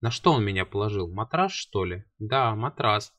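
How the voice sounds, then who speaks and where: A man narrates a fantasy novel in the first person, with a wry, lively telling. His voice sits low. The sound is dry and close, with no room echo. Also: moderate pace. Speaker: audiobook reader.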